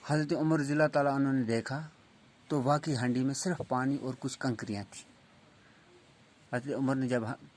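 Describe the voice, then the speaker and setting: A man's voice: mid-range voice, slight background noise. A male school teacher giving a reading lesson to young children, restating each sentence in simpler words.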